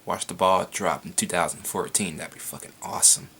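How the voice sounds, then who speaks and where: A man's voice: low voice, steady tone, brisk, pushed and bright, a little hiss or hum. A young man answering viewer questions in a casual vlog, rambling with frequent swearing and laughs.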